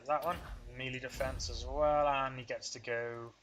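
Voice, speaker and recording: Talking through his strategy game moves out loud, this man rambles casually as a let's play host, frequently teasing himself. He speaks at a normal speed with a steady tone, his voice bright, forward, and ordinary in pitch.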